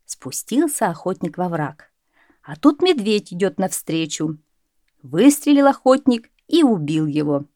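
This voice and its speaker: A woman reading a folk tale aloud as storyteller, in a measured and plain way. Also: fairly low pitch, big pitch swings, mellow, no room sound, clean studio sound.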